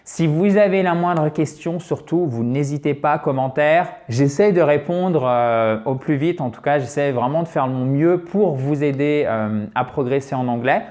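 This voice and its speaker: Here a man with a fairly high, slightly mellow voice teaches English online to French speakers. He walks through explanations step by step, says words slowly and repeatedly to demonstrate pronunciation, and calls his viewers friends.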